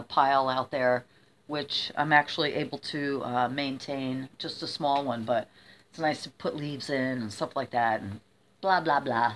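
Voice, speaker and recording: A woman's voice: extremely low pitch, fairly bright tone. A middle-aged woman with a mild cold, sounding a bit under the weather as she rambles casually to her viewers, often interrupting herself. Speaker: vlogger.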